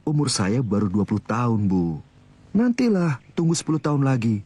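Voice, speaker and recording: Cocky young son in a tv drama, husky, voice jumps around a lot. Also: male voice, mid-range voice, very animated, moderate pace, mellow, no echo. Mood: mocking. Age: 20s. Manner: teasing, laughs off his parents. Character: young man back from the city, dismissive and cocky. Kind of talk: TV drama acting.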